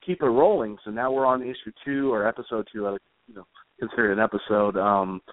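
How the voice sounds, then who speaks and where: Here the same kind of guest, a male comic author and musician, speaks quickly in a lowish voice during a casual, loosely wandering interview. The recording is dry, heard through a tinny line.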